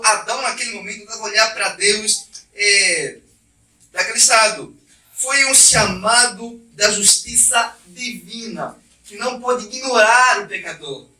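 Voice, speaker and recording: A male pastor from Brazil preaching an impassioned sermon, swinging from quiet to loud. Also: high-pitched, far from the mic. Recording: echoey church heard from off mic.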